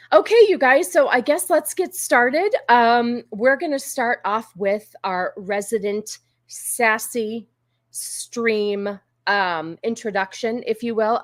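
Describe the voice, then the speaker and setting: Her voice sits on the high side and she speaks slowly, recorded with studio quality and no room sound. She's a livestream host chatting informally with viewers, tending to ramble and drift off topic.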